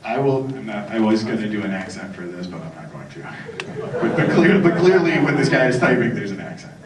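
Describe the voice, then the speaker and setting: A man's voice: fairly low pitch, expressive, brisk, crowd noise. A man giving a sarcastic, profane conference talk, mocking his targets and bantering with the audience. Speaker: conference speaker. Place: conference hall. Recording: echoey hall, distant mic, noisy.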